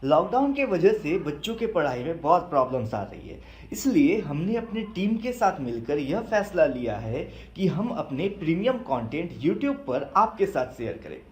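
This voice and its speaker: Male host of a tutoring channel, bright high voice with lots of swing, echoey room. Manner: earnest, appealing directly to viewers. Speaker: English teacher hosting the channel. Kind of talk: scripted channel introduction.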